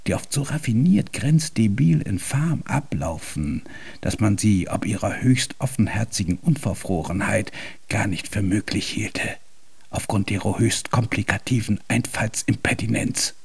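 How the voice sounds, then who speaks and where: In a German radio drama, a male actor with a lowish voice plays an irascible, haughty old composer who is hard of hearing, giving him a husky voice and pompous, ornate speech. His delivery is expressive, unhurried and exaggerated, scornful and ranting.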